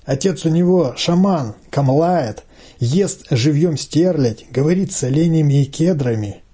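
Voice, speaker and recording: Tall awkward camp boy, voiced by a man, uneasy, dark husky voice, storybook. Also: a little high, expressive, measured pace. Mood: telling.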